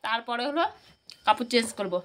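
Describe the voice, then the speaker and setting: A woman's voice: on the high side, a little fast, a bit bright. A woman chatting casually to her viewers in a home vlog, narrating what her family is doing. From West Bengal, India. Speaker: vlogger. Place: home room with family around.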